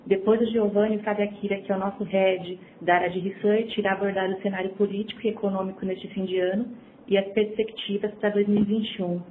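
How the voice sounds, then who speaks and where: A woman with a Brazilian accent giving a prepared business introduction as host of a conference call. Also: mid-range voice. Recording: narrow phone line, faint noise.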